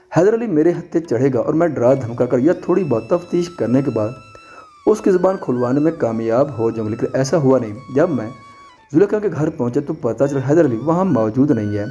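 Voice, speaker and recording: A man reading a first-person detective story aloud in a steady, measured way. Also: mid-range voice. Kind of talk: scripted first-person narration.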